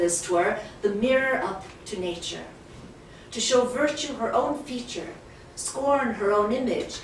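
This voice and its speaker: A woman reciting the role of Hamlet, a young prince earnestly coaching actors, in measured, declamatory verse that often drops to a hush. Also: on the high side, a little hiss or hum. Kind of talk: Shakespeare stage recitation. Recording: very echoey room, distant mic.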